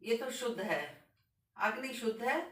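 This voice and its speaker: A woman teaching Hindi grammar in a lesson on spelling, repeating each word slowly and stressing the correct form. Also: fairly high pitch, fairly bright tone. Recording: echoey room, voice from a distance.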